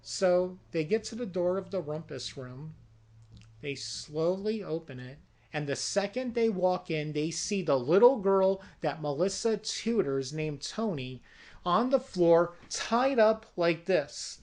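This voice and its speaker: A storyteller pitches a comic horror movie in a slow, deliberate way. The narration is dramatic, with a middle pitch, and builds tension as it goes. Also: lively intonation, a little mellow.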